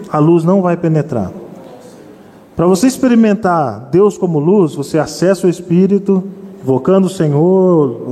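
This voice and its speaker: High-voiced earnest man preaching. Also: mellow. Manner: earnest, repeatedly addressing the congregation as brothers. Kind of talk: sermon. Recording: long hall reverb.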